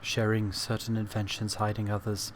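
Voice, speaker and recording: An exhausted elderly scientist records a diary, full of guilt, performed by a man at a game table. The weary old man voice is fairly low, halting and labored, with slight noise behind it. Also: completely flat delivery, close to an everyday voice. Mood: grave, exhausted.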